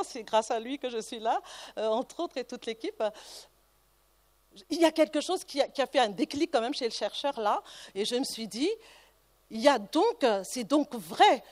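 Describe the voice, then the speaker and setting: A woman researcher giving a conference talk, telling a personal anecdote with digressive asides and frequent restarts. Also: high-pitched.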